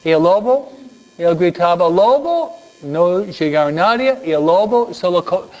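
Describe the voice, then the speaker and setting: A man's voice: high voice, measured pace. A man giving a Sunday school lesson, telling stories and quizzing the kids. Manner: animated storytelling with questions to the kids. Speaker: children's teacher. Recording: dull lo-fi recording.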